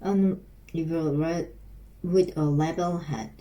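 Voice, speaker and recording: Slow, halting woman with a Korean accent. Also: low voice, steady tone, mellow. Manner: slow, repeats phrases over and over, halting with restarts. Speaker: English learner practicing aloud. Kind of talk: self-recorded English speaking practice.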